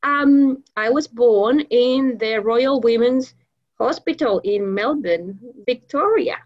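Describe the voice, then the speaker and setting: In this interview clip, the guest is a professional trainer and mentor from Venezuela whose first language is Spanish. She talks slowly in a slightly high voice, stumbling through fillers and restarts, with the recording's highs cut off.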